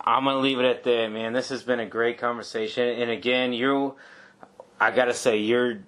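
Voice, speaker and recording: A man in his forties hosts a podcast interview casually and warmly thanks his guest, often tacking "man" onto his sentences. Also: medium pitch, little pitch movement, moderate pace. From Detroit area, United States. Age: 40s. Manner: casual, effusive, says man a lot. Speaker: podcast host.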